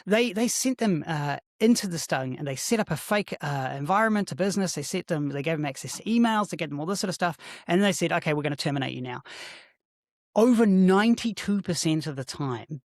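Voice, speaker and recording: A man's voice: sits high, expressive, fairly quick, few pauses, dry recording, studio quality. A man co-hosting a podcast, chatting casually, laughing often and restarting words as he explains. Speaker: podcast co-host.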